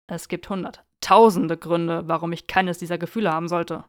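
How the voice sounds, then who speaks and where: A woman voicing a brash, agitated young male wizard in an audiobook reading, loud and defensive. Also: lowish voice, steady tone, moderate pace, close to an everyday voice.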